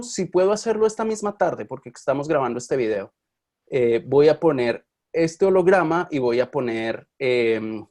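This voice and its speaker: This university Spanish linguistics teacher has a mid-range, somewhat mellow voice. Teaching an online class, he keeps the lecture relaxed and chatty, frequently asking questions to check on his students.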